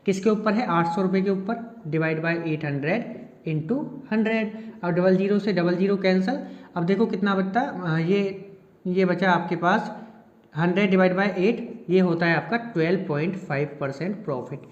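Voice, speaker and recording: Hindi-speaking male math teacher, echoey room. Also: high-pitched. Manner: explains step by step, slowing while writing formulas; corrects himself mid-line. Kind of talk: exam-prep math lecture. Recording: echoey, dull lo-fi room recording.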